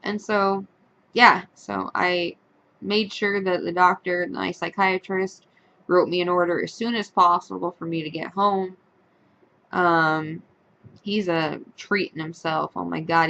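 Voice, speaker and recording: A woman's voice: on the low side, steady tone, measured pace, a bit bright, muffled recording. Blunt, sarcastic young woman vlogger. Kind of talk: casual storytelling vlog.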